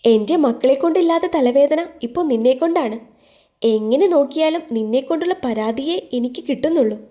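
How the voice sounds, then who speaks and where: Woman doing a scornful older mother-in-law in a storybook, raised high voice, mellow tone. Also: brisk, lightly acted. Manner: sneering, scornful.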